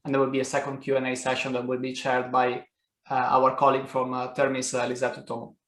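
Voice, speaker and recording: A man's voice: medium pitch, monotone, fast, a bit bright. Man hosting a webinar in an echoey room. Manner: frequent uh fillers, polite. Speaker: session host. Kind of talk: introducing a keynote speaker.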